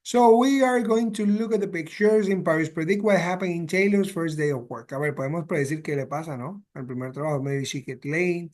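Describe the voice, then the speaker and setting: High-voiced bilingual English teacher. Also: male voice, normal speed, few pauses, a little mellow. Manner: mixes English and Spanish, repeats phrases with "¿ya?" and "¿ok?". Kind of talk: bilingual classroom explanation.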